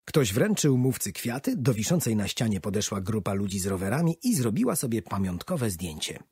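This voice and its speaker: Husky man narrating a children's story. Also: on the low side, fairly quick, dry recording. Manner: expressive storytelling. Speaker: audiobook narrator. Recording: dry studio audiobook.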